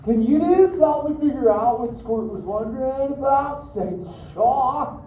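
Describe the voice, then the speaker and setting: This time the sea turtle voice sits high, warm and animated, at a measured pace, still a goofy surfer-dude drawl packed with "dude." The performer laughs often and chats playfully with the audience during the live indoor theater show. Recorded from far off, the audio is echoey with noise.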